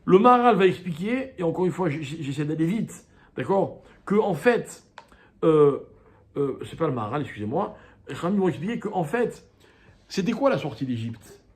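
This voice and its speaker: A man's voice: on the high side, big pitch swings, normal speed. A man who is a rabbi, teaching a Torah class to a live audience. He keeps posing rhetorical questions, calls on the class to wake up, and quotes Hebrew texts before translating them.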